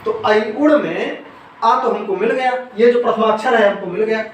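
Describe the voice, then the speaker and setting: At a moderate pace, a man with a high voice lays out grammar rules step by step, questioning his listeners, answering himself and repeating important terms. The room echoes strongly, he sits away from the mic, and faint noise lingers.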